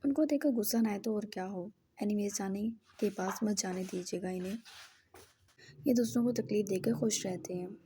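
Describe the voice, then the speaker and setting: A woman voicing a hot-tempered young man, bitter but playful, speaking in a half whisper with sharp outbursts. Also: mid-range voice, moderate pace, slight background noise, natural voice. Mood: angry.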